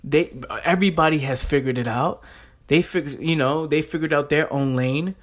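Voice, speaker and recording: This motivational speaker, a young man with a slightly high voice talking at normal speed, gives a blunt, streetwise pep talk. He hammers his points home emphatically, tossing in rhetorical questions and casual swearing.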